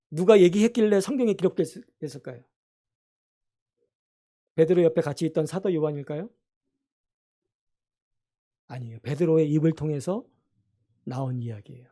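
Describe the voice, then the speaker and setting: A man's voice: a little high, dark tone. A man preaching a sermon as pastor in a church, earnestly asking the congregation questions. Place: church sanctuary.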